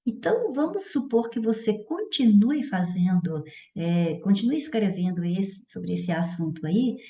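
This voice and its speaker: Mellow-voiced woman teaching in an echoey room. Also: medium pitch. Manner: explains step by step, often checks in with the listener. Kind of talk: recorded grammar lesson. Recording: echoey room, slightly dull sound.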